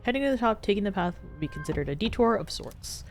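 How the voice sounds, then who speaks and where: A woman's voice: mid-range voice, animated, fast talker, faint music behind, lightly acted. Brief: polite female android, formal and informative, read plainly by a woman streamer.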